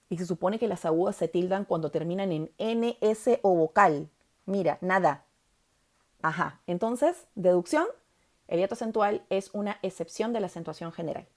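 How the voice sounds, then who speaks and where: A woman's voice: mid-range voice, moderate pace, darkish tone. A woman teaching a grammar lesson, stressing key words and often checking in with the listener.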